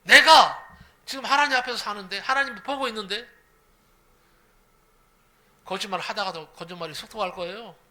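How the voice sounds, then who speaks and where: A man's voice: high voice, normal speed, pauses often. A male pastor preaching a sermon, telling a story and asking the congregation questions. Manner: lively, repeats phrases, asks the congregation questions.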